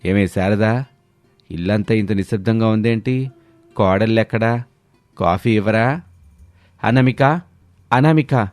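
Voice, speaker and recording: Give me a man playing an older cartoon father-in-law who coaxes the family into making spicy dishes. His voice is low and dry, with soft music under it. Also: unhurried, long pauses, no room sound, close to an everyday voice. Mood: coaxing. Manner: coaxing, easygoing.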